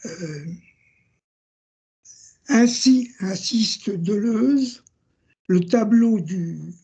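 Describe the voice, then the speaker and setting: An older man giving an academic seminar lecture, reading measured passages from his notes, citing sources and page numbers, and correcting himself now and then. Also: high voice, mellow, husky, muffled recording.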